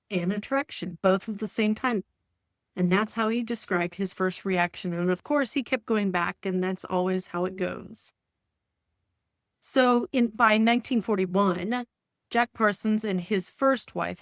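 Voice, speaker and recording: A woman's voice: medium pitch, no echo, studio quality. A woman hosting a solo storytelling podcast, chatty and prone to correcting herself as she reads passages aloud. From Kansas, US. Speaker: podcast host.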